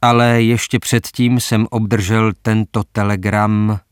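A man's voice: fairly low pitch, flat delivery, clean tone, dry recording, clean studio sound, lightly acted. A man narrating a story, voicing a hotel owner and former soldier who explains in a composed way.

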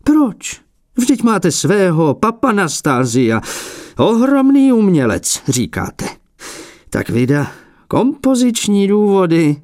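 A man voicing a fussy, jealous old male abbot and icon painter who talks in a high, piping, peevish way and mocks his rivals. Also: wildly swooping pitch, a little mellow, no room sound, studio quality. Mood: huffy.

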